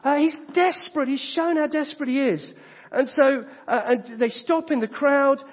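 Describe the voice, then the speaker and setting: High-voiced storytelling male preacher. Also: moderate pace, long reverb tail, lo-fi sound. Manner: storytelling, animated retelling with rhetorical questions. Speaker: pastor. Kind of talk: sermon.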